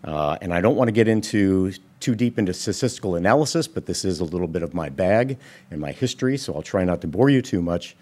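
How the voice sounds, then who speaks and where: A man giving public comment at a town board meeting, speaking in a measured, methodical way with frequent "uh" fillers. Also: low-pitched, lively intonation, darkish tone.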